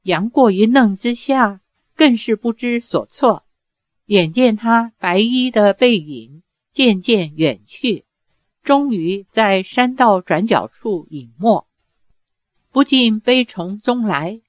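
A woman reading a novel aloud as an audiobook narrator, with measured, expressive storytelling. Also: a little high, no room sound.

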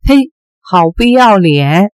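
A woman voicing a proud, hot-tempered young swordswoman who speaks in sharp accusations, in a slow, dry read. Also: mid-range voice, big pitch swings, no room sound. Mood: accusing.

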